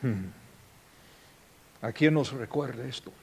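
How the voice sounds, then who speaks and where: A man preaching a sermon as a pastor, with expressive delivery and dramatic swings in volume. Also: mid-range voice, slow pace, husky.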